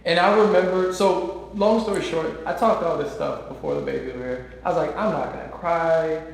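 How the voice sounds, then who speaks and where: A man hosting a panel talk, telling a story in a jokey, animated way. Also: sits high, a little fast. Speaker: host. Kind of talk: casual chat. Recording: echoey room with long reverb.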